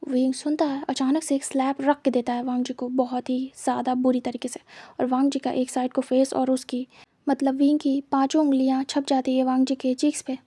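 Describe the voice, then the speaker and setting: A woman's voice: high-pitched, flat delivery, a little fast, dark tone, husky, dry recording. A woman narrating a fan-fiction story in a casual, matter-of-fact way. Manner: plain, matter-of-fact retelling.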